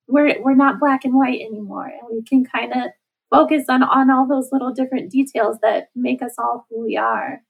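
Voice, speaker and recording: A woman with a husky, creaky voice, reflecting casually in conversation. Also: high voice, rough recording.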